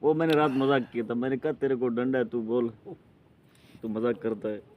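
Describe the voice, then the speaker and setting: A man telling lively anecdotes in a casual chat among friends. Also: medium pitch, brisk. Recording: tinny phone-like sound with faint noise.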